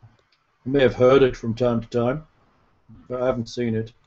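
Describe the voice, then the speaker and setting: A man's voice: mid-range voice, flat delivery, moderate pace, darkish tone, lo-fi sound, natural voice. A man doing a scared trapped Yorkshire survivor. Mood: fearful. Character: paralysed trapped male expedition survivor, frightened.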